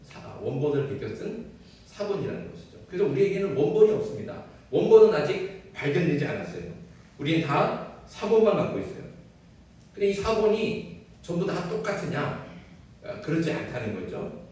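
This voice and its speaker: Male pastor, fairly high voice, preaching from a distance in a very echoey church sanctuary. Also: big pitch swings, moderate pace, dark tone. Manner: asks the congregation questions and answers them himself. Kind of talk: expository sermon.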